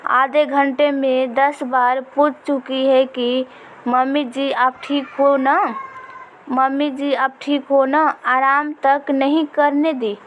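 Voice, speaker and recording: A woman voicing an irritable older mother-in-law who is sick in bed, snapping sharp, scolding retorts at her daughter-in-law in a storybook reading. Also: high voice, flat delivery, takes it slowly, lo-fi sound, slight background noise.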